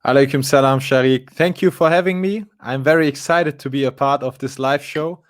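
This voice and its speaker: A young man answers as a guest in a casual live interview. His voice sits at an ordinary pitch and sounds dry and close. He talks hesitantly, with many fillers and restarts. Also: fairly quick, no room sound. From Germany. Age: 20s.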